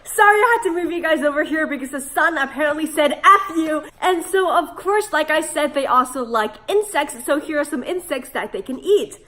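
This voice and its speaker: Female pet-care vlogger, high register, hoarse smoker's rasp from being sick, casual and playful. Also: expressive, fairly quick, hardly any pauses, a bit bright. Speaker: pet care video host. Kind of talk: casual instructional vlog.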